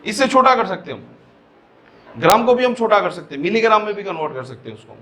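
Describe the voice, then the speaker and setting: A man's voice: high voice, lively intonation, fairly quick, fairly bright tone. A man with a Hyderabadi Hindi accent teaching physics, explaining step by step, mixing in English terms and asking the class questions as he goes. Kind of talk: classroom lecture.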